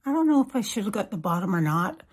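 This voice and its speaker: Husky woman with a slight lisp. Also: mid-range voice, sing-song, fast talker, a little mellow. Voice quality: slight lisp from new veneers. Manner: pleased, informal, reassuring. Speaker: product reviewer. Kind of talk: casual chat to camera.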